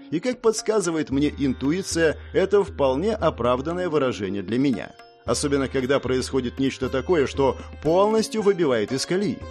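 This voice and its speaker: A man narrating an audiobook in the first person with an expressive reading. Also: on the high side.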